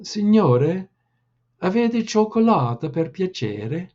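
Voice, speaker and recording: A man doing an impish little boy, high and eager. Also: huge pitch swings, slow, a little mellow, breathy edge, dull audio, exaggerated voice. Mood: coaxing, pleading. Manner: pleading, eager. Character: impish small Italian boy.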